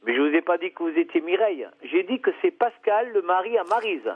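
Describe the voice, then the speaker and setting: Annoyed guy picking up the phone, fairly high voice, tinny phone line. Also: brisk. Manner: curt, increasingly exasperated. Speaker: hairdresser's husband answering the phone.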